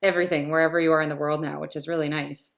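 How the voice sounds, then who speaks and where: A woman's voice: low-pitched, level tone, rapid-fire, creaky. A woman hosting a podcast, chatty and upbeat, with frequent ums. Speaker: podcast host. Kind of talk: casual podcast chat.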